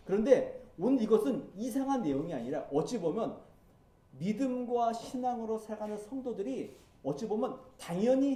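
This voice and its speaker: A man's voice: high-pitched, warm tone, echoey room, distant mic. A man pastor preaching a sermon in a conversational way, asking his listeners rhetorical questions. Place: church sanctuary.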